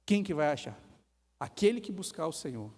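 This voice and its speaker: A man's voice: a little high, sing-song, moderate pace, darkish tone. A man with a Brazilian Portuguese accent preaching a sermon to his church, emphatic and full of rhetorical questions, now and then acting out the voices of people he quotes. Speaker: pastor. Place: church hall. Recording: reverberant church hall.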